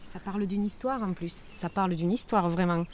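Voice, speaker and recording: A woman's voice: lowish voice, brisk, slight background noise. A woman speaking with her aunt in a thoughtful, earnest conversation. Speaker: niece of the interviewee. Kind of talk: casual conversation.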